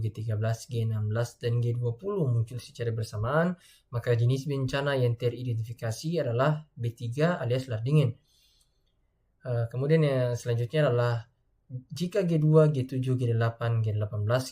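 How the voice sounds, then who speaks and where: A man's voice: medium pitch, a little mellow. A young man from Indonesia giving a student class presentation, hesitating often and reading through lists of codes. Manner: hesitant, many filler sounds, reads lists of codes.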